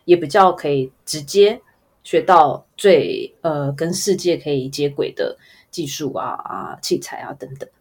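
A woman's voice: low voice, unhurried, breathy edge. A woman with a Taiwanese Mandarin accent answering casually in an interview, in a rambling, informal way with trailing lists. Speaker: guest, advertising photographer.

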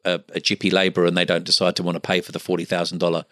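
A man's voice: low-pitched, monotone, very fast, a bit bright, no echo, studio quality. A middle-aged man from Essex with an Essex accent, talking casually as an interview guest in a chatty, stop-start way. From Essex, England. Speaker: interview guest, medical finance business owner.

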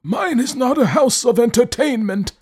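Stern old hermit guy w a high strained voice, haughty, sounds set back from the mic, a man doing the voice. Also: animated, moderate pace, breathy edge, heavily acted. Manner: haughty, clipped demands.

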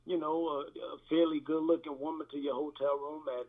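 This man, appearing as a guest pastor, speaks with a fairly high pitch and a flat delivery while recounting a frank personal testimony. His speech halts, repeats words, and turns reflective, and the recording is thin, band-limited, and phone-quality.

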